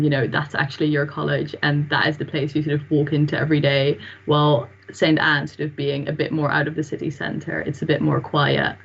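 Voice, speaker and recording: A young Dutch student speaks in a low, creaky voice with a breathy edge, answering casual questions on a video call from a room at home and using lots of fillers. Her laptop webcam mic gives the audio a dull, lo-fi quality.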